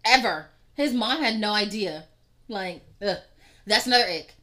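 A woman co-hosts a casual podcast chat and tells stories in an animated way, swearing as she goes. Her voice is bright and forceful. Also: medium pitch, moderate pace. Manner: animated storyteller, profane. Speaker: podcast co-host.

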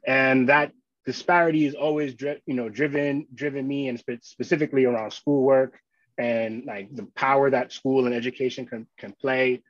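A man's voice: mid-range voice, steady tone, normal speed, no echo, highs cut off. New man, dry sound. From Queens and Long Island, New York. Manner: informal, peppers talk with "you know" and "right?". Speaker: interview guest, social worker in schools. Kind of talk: casual conversational interview.

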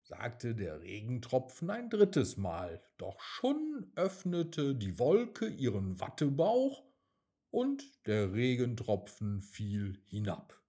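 Slow, husky male storyteller. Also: mid-range voice, huge pitch swings, mellow. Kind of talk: children's story narration.

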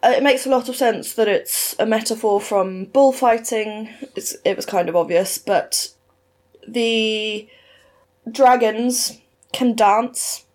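A woman's voice: fairly high pitch, takes it slowly, a little mellow. Easygoing woman book podcast co-host. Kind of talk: casual book chat.

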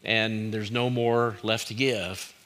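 A man's voice: on the low side, level tone, slow, a bit bright. A male pastor preaching a sermon in short, repeated phrases for emphasis, with informal asides.

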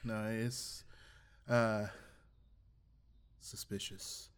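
A man's voice: lowish voice, flat delivery, drawn-out words, clear, resonant tone. A man co-hosting a podcast in casual chat, informal and often repeating short phrases. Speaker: podcast co-host.

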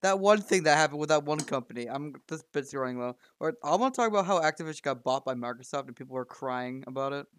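A man's voice: fairly high pitch, expressive, fast talker, few pauses, a bit bright, clean tone, no room sound. A man hosting a casual podcast chat, joking and teasing his friends and swearing freely. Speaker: podcast host.

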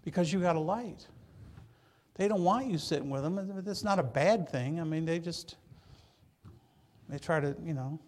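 Here a pastor from Michigan preaches in a slightly high, darkish voice at a moderate pace, pausing often. He keeps things conversational, makes joking asides to the congregation, and frequently repeats words when starting a phrase.

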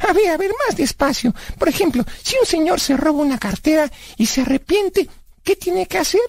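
A man putting on the high, childish voice of a mischievous, naive young boy in a children's radio comedy sketch. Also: lively intonation, fairly quick, vocal fry, dry recording, exaggerated voice. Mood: naughty, playful. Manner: high, bouncy, childish and playful.

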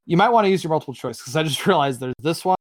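A man's voice: on the high side, animated, rapid-fire, dry recording. A man hosting a casual trivia game over a call, his audio cutting out and dropping away as he hesitates and corrects himself. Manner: hesitant, restarting, self-correcting. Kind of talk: casual online trivia chat.

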